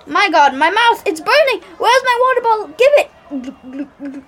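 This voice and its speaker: A woman's voice: very high-pitched, very animated, unhurried, fairly bright tone, heavily acted. A woman playing a grumpy, fussy English father on holiday, complaining and exasperated, in an acted comedy drama. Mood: disgusted, exasperated.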